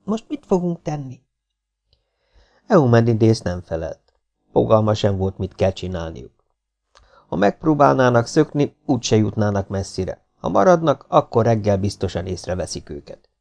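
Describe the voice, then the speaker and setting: A man reading an audiobook aloud in a steady, even storytelling manner. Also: fairly low pitch, vocal fry. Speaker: audiobook narrator.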